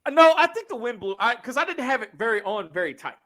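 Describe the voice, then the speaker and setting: A man's voice: very high voice, big pitch swings, fast talker, fairly bright tone. A man hosting a casual podcast chat over an online call, loose and profane, running the show. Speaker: podcast host.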